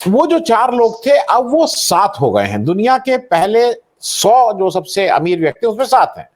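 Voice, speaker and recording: A man with a notably high voice speaks as an author on a panel discussion. He argues in a measured, critical way and pauses often with hesitant fillers. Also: big pitch swings.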